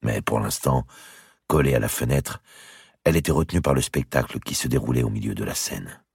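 Un homme qui lit un roman historique en livre audio, avec une narration expressive. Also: male voice, a bass voice, brisk, creaky, husky, no echo, studio quality. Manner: expressive storytelling. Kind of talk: audiobook reading.

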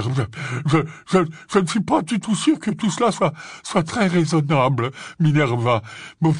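A man's voice: fairly high pitch, husky, no echo, clean studio sound, voice pushed up. A man voicing a portly older male wizard teacher who stammers and gasps, fretful and flustered.

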